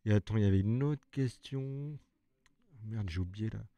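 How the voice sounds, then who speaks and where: Low, mellow-voiced male journalist. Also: normal speed, dry recording, muffled recording. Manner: explains at length, thinking aloud. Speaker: journalist on the ecology desk. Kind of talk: casual live chat. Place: open newsroom.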